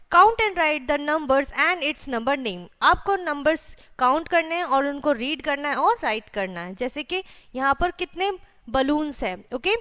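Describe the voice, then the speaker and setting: High-voiced woman teaching kids to count. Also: fairly bright tone. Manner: counts aloud and spells number names letter by letter; addresses children directly, frequent "theek hai" check-ins. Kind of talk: children's math lesson walkthrough.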